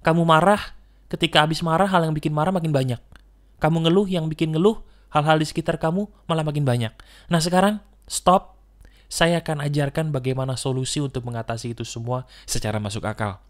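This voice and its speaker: A man giving a motivational talk to his viewers, earnest and coaxing, repeating his key points. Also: on the high side. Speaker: motivational speaker.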